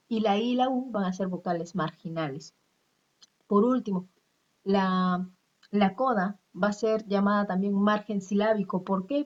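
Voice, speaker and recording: A woman's voice: mid-range voice, muffled recording. A woman teacher, explaining step by step in a recorded class lesson and checking that her students follow.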